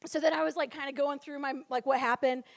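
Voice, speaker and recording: A young woman in her twenties with a very high voice tells a funny story about herself at a retreat. She is chatty and casual, drops "like" constantly and keeps breaking into laughter. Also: fairly even intonation, fast. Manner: chatty, full of "like", laughs often while telling. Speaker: retreat speaker. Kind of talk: humorous personal storytelling.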